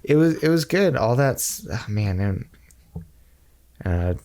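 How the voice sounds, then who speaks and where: A man's voice: mid-range voice, sing-song, takes it slowly, darkish tone. A man co-hosting a podcast, chatting casually in a rambling way with dry jokes. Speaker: podcast co-host. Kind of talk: casual chat.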